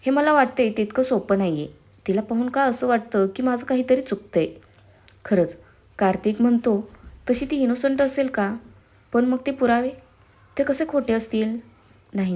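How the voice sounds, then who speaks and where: A hot-tempered young husband in an audio story, sneering at his wife with low threats and mocking remarks, as a woman narrator puts him on. The voice stays fairly high throughout. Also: darkish tone, lightly acted.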